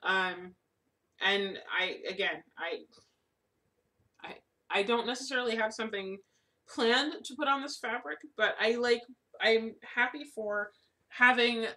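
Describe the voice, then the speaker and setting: A woman's voice: mid-range voice, a little slow, pauses often, sharp tone, far from the mic. A woman vlogging casually about her craft supplies, rambling with lots of fillers and restarts, hiccuping now and then. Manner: chatty, many fillers and restarts. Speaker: cross-stitch vlogger. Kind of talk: casual rambling show-and-tell.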